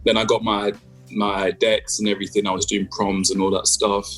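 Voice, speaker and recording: Speaking at a moderate pace in a low voice with little pitch movement and a fairly bright tone, a young British man appears as a guest musician in a casual video-call interview. He sounds relaxed and fills his speech with fillers, while faint music plays in the background.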